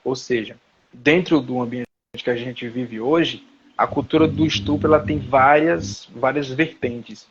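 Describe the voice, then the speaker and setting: A man's voice: mid-range voice, a little slow, fairly bright tone, muffled recording, a little hiss or hum. A man, lecturing as a professor in a live online class and searching for words aloud as he explains.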